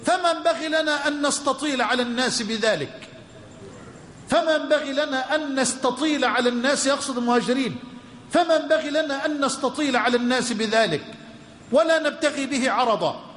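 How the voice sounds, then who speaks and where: Egyptian male preacher, very high voice, impassioned and repetitive, dropping into casual asides; echoey hall. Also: a bit bright, a little hiss or hum. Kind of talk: sermon storytelling. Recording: echoey hall with long reverb.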